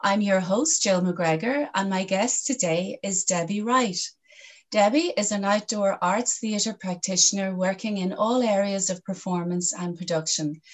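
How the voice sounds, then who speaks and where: A woman's voice: medium pitch, a little slow. A middle-aged woman from Donegal with an Irish accent from the northwest and west, hosting a conversational podcast interview. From County Donegal, northwest Ireland. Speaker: podcast host.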